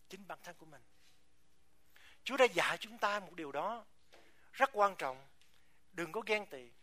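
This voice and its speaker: A male pastor delivering a sermon with an emphatic push. He keeps asking his listeners rhetorical questions. His voice is high and bright.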